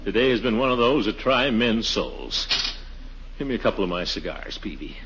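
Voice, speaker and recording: An actor playing a pompous, anxious middle-aged uncle in a blustering, theatrical 1940s radio comedy style. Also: male voice, fairly low pitch, big pitch swings, moderate pace, creaky. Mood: nervous, evasive. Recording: dull, noisy 1940s radio recording.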